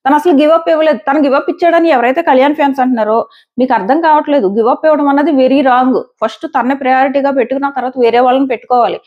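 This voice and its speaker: A woman's voice: high voice, steady tone, racing, muffled recording. A woman giving casual, emphatic commentary as a show reviewer, arguing her points and repeating them.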